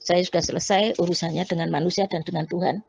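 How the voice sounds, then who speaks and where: A woman's voice: on the low side, fairly even intonation, quick pace, gravelly, a little mellow, husky. A woman, telling a personal testimony with quoted dialogue and frequent restarts. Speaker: testimony speaker. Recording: dull lo-fi recording.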